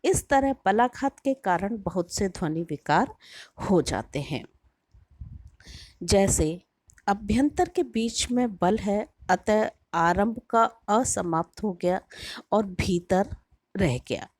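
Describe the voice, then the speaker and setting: A middle-aged woman delivers a university lecture, unhurried and careful. She explains step by step and lingers over her examples. The sound is dry and close, with no room echo. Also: medium pitch, expressive, a little mellow. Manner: slow, measured and explanatory, drawing out example words. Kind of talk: recorded lecture.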